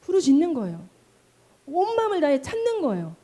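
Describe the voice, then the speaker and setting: Middle-aged woman pastor preaching, high voice, swings all over, mellow tone, acts out the stories. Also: fairly quick. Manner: animated storytelling, acting out cries and calls; asks the congregation questions. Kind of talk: sermon.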